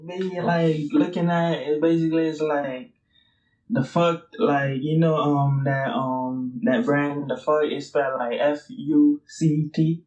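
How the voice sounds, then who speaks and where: This twenty-something guest, founder of a streetwear brand and from Brooklyn, New York, gives loose, meandering interview answers full of fillers and casual profanity. His fairly high voice is steady and slightly mellow, and he takes his time. The recording is muffled.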